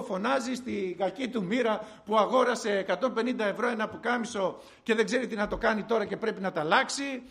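A man's voice: very high-pitched, creaky, a bit bright. A middle-aged man preaching a sermon in a conversational way, telling stories and asking and answering his own questions.

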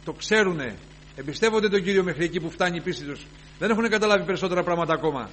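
A man preaching a fervent evangelical sermon, rising to loud exclamations of hallelujah and dropping to quiet, reflective passages. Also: high-pitched, lively intonation, slight background noise, poor audio.

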